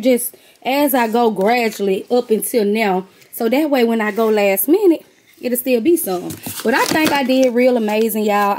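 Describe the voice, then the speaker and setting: A middle-aged vlogger who makes gift baskets shows off her purchases in a casual haul video, calling viewers y'all and honey. Her voice is on the high side and a little mellow, and the handheld phone recording, made indoors in a warehouse-style room with boxes, has a little hiss or hum.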